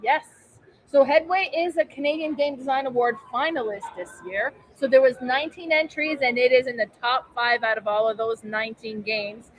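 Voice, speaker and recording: A woman's voice: high voice, normal speed, rough recording. A woman hosting a live board game stream at a convention, upbeat and enthusiastic as she leads the talk. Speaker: board game channel host. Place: convention center.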